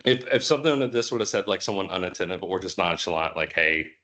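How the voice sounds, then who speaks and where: Low-voiced rambling man at a meeting. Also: animated, fast, a bit bright. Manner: rambling, full of fillers and restarts. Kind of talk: casual meeting talk.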